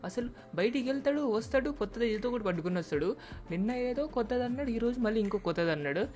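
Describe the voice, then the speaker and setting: A woman's voice: fairly high pitch, expressive, very fast, a little mellow, faint music behind, natural voice. Woman playing an exasperated scolding young man. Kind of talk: game dub role-play.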